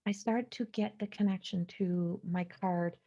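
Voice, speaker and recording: A woman in her forties hosting a podcast, sharing a slow, introspective spiritual monologue that sometimes drops to a hushed whisper. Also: medium pitch, fairly even intonation, highs cut off. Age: 40s. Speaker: podcast host.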